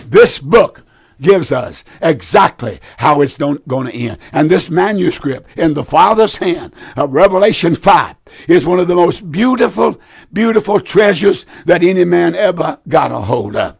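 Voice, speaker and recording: A man's voice: on the high side, lively intonation, unhurried, gravelly, breathy edge, no echo, clean studio sound. A man preaching and taking calls on a live Bible show, with a weak, strained voice worn from preaching and an earnest, folksy, repetitive way of exhorting. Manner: earnest, plain folksy exhortation with repeated phrases.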